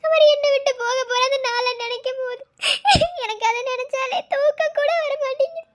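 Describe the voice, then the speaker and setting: A woman's voice: extremely high pitch, fairly even intonation, fast talker, fairly bright tone. A woman voicing a lovesick young woman who tearfully confides her heartbreak.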